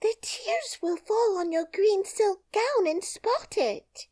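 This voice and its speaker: A woman reading an audiobook, voicing a kind young palace maid who speaks in a high, urgent way. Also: expressive, slow pace, mellow, heavily acted.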